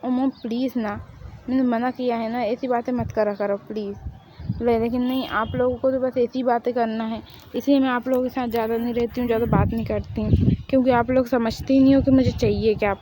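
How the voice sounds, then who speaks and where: A woman's voice: on the high side, steady tone, a little fast, warm tone, a little hiss or hum, natural voice, low-quality recording. A woman voicing a stubborn young woman who is a superfan and complains and pleads with her parents. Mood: whiny.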